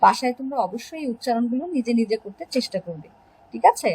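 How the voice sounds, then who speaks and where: A woman from Bangladesh teaching an online religion class to young children, gently and slowly drawing out pronunciation drills. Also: fairly high pitch, slight background noise, poor audio. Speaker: Islamic studies teacher.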